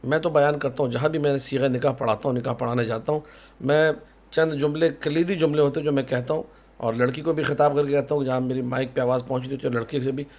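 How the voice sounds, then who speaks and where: A man's voice: medium pitch, fairly even intonation, darkish tone. A man, a cleric who officiates weddings, speaking emphatically on a panel with repetitive lists and folksy asides. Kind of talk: conversational religious talk on a panel.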